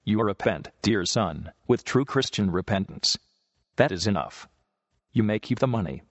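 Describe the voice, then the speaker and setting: A man voicing a gentle, proud old farm mother in a read-aloud story, speaking softly. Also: on the low side, animated, normal speed, no echo, in a large hall, lo-fi sound. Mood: tender. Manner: soft-spoken.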